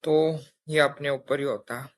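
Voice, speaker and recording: A man's voice: fairly high pitch, steady tone, unhurried. A young man teaching a coding lesson in a casual spoken style, walking through each step and often checking in with his listeners. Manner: explains step by step, often checks with "theek hai".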